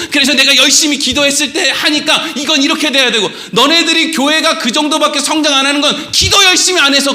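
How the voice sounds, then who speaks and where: A man's voice: very high-pitched, bright, forceful tone. A man, a pastor, giving a blunt and sarcastic sermon.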